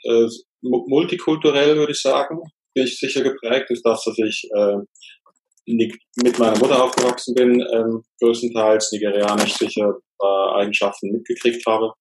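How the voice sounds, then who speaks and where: A man in his thirties from Germany, living in Switzerland since age twelve, speaks as an interview guest, reflective and relaxed with some fillers. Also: medium pitch, normal speed, slight background noise, poor audio. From Germany, then Switzerland from age twelve. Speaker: coach and author.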